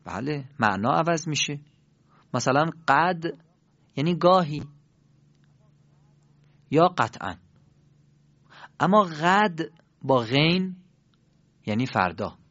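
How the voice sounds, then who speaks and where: A man teaching a pronunciation lesson, explaining in a lively, emphatic way with sudden rises in his voice. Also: a little high, pauses often, no echo, dull audio. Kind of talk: Quran recitation lesson.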